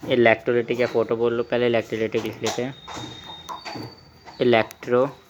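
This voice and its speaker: A man's voice: medium pitch, little pitch movement, fast, lo-fi sound, noisy background. A young man teaching a chemistry lesson while he writes, asking the class questions and repeating key terms.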